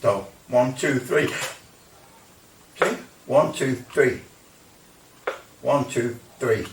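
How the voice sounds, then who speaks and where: A man speaks extremely slowly in a gravelly, mid-range voice as he casually shows radio equipment in a hands-on demo. He rambles, hesitates and adds grumbling asides; the recording is roomy, with a distant mic and faint noise.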